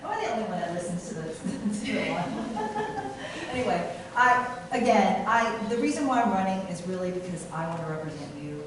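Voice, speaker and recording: A middle-aged woman, a city council candidate from Taiwan, giving a halting campaign speech full of fillers and restarts. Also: mid-range voice, big pitch swings. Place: meeting room. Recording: echoey room from far off, noisy.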